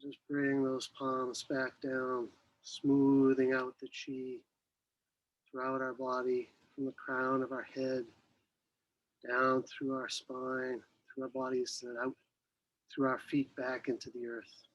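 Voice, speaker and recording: A man teaching qi gong, giving serene, unhurried movement and breathing cues with long pauses. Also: medium pitch, completely flat delivery, muffled recording. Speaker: qi gong instructor.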